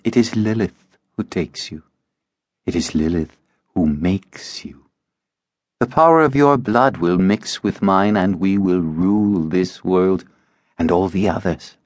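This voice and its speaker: A man's voice: sits low, animated, a little slow, no room sound, studio quality. A man voicing a seductive, cold female vampire demon who speaks in a silky, taunting way. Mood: commanding.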